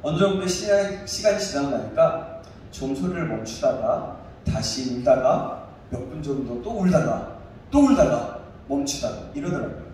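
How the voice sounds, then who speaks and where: A male pastor in his thirties preaching a sermon and telling a personal story with animated delivery. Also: on the high side, normal speed. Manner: animated storytelling, acts out his own shouting. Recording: echoey room, distant mic, faint noise.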